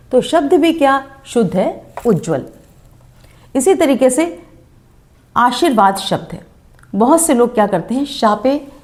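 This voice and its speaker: A woman teaching a grammar lesson, asking her own questions and answering them, and slowing down to sound out each word. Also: a little high, a little mellow. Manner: slows down to spell out words syllable by syllable. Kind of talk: spoken lesson.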